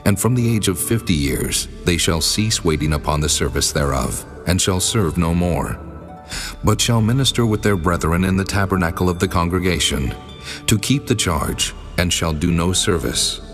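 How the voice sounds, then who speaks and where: A man voicing God in a dramatized scripture recording, solemn and commanding, with stately measured pronouncements in heavy reverb. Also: sits low. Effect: long reverb. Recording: long cavernous reverb, music underneath.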